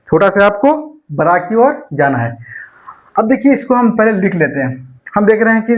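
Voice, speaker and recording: A man's voice: sits high, low-quality recording. A man teaching an online maths lecture for an exam. He explains each step and keeps asking his students rhetorical questions. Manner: repeats numbers slowly while working problems.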